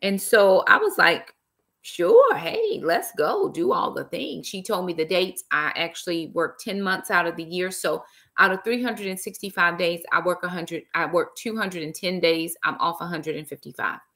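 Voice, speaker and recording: A middle-aged woman, an author, hosts a casual live stream from a small indoor room, sitting in an armchair and talking to her laptop webcam while dropping "y'all" and words of praise. Her voice is fairly low, animated and sharp, at a normal speed.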